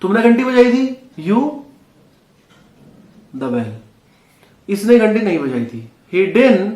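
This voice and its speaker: A man's voice: high voice, very animated, slow pace, a little mellow, reverberant. A man teaching a spoken English lesson, patiently repeating drills and calling his viewers friends.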